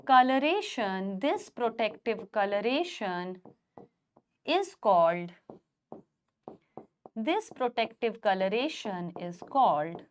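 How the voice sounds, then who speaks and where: Slow, lively teacher woman dictating notes. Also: high voice. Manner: asks questions and answers them herself, repeats key words slowly for dictation; mixes Hindi and English. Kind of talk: classroom lesson, dictating notes.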